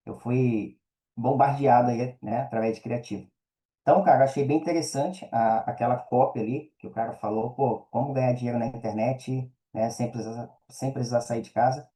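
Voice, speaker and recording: A man with a Brazilian accent tells his own story as a podcast guest, speaking casually in slangy, colloquial language packed with tag questions. His mid-range voice is warm, though the recording is rough.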